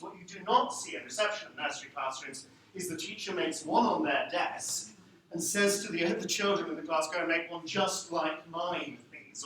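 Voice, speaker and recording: A man giving a live lecture to a room of teachers, lively and wry, putting questions to the audience. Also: high voice. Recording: echoey room, faint background noise.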